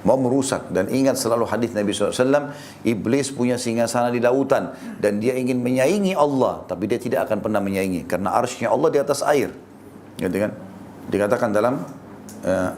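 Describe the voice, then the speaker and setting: A man preaching a sermon in a lively, animated way, speaking directly to his listeners as friends and leaping up in pitch to stress a point. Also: a little fast, a little hiss or hum. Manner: lively, animated delivery with sudden rises in pitch for emphasis.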